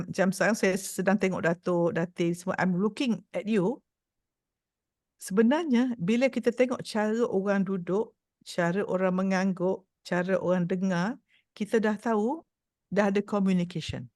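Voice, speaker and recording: A Malaysian woman speaker gives a motivational talk in a playful, teasing tone, slipping into English as she goes. Her voice is recorded close and dry, with a pitch that is neither high nor low. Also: a little mellow, no room sound. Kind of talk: lively motivational talk to a seated audience.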